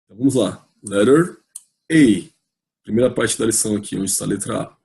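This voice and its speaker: A man's voice: fairly low pitch, brisk, vocal fry, a little mellow. Patient Brazilian man teaching English grammar. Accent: Brazilian Portuguese. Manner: patient, repetitive, spells out letters. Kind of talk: video lesson explaining grammar.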